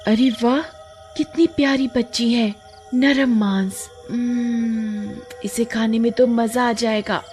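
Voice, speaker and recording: A woman's voice: fairly high pitch, fairly even intonation, takes it slowly, a little mellow, faint music behind. A woman voicing a menacing, man-eating snake-bodied witch in a cartoon story, gloating and threatening. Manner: gloating, threatening, with cackling laughs.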